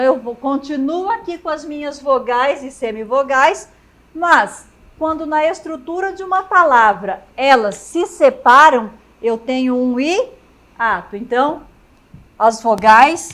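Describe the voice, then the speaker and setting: At the chalkboard, a Brazilian Portuguese–accented woman gives a grammar lesson, regularly checking that her class keeps up. She has a high, fairly bright voice.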